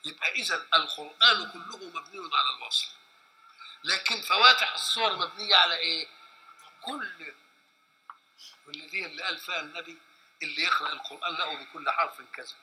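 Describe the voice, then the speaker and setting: A man with an Egyptian Arabic accent gives a spoken religious lesson in a gravelly, bright, fairly high voice. He keeps asking his listeners questions and answers them himself, stretching out single letters as he goes. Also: brisk, long pauses, rough recording. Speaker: religious teacher.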